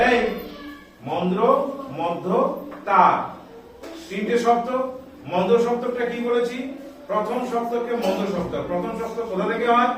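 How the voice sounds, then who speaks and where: High-voiced man teaching a music class. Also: heavy reverb, distant mic, background noise. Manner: explains step by step, calls out scale notes, scolds chatty children. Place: school classroom.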